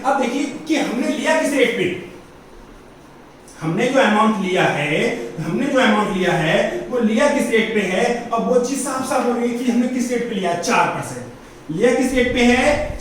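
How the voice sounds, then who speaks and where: A man's voice: extremely high pitch, fairly bright tone. A man teaching a maths lesson, repeating each question back to his students as he works through the sums. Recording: roomy echo, far from the mic, faint hiss.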